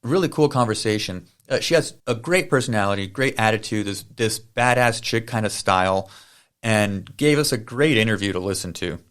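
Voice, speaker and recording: A man's voice: lowish voice, expressive, normal speed, a bit bright. A man hosting a podcast, talking casually with many fillers and side tangents. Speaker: podcast host. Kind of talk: casual podcast intro and interview.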